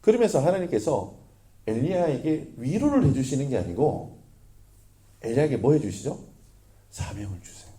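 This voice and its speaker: Korean pastor guy preaching, very animated pitch, dark mellow voice, keeps asking the room questions. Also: normal speed, long pauses. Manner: lively preaching, asks the congregation questions. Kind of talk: sermon.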